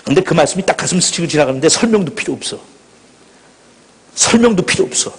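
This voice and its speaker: A middle-aged man preaches with raw passion, lurching from near-shouts to hushed confessions. His voice is husky and sits high for a man. It rings with long reverb through a large retreat hall. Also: lively intonation, fast talker. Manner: dramatic, swings from shouting to hushed. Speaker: pastor. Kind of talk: impassioned sermon storytelling.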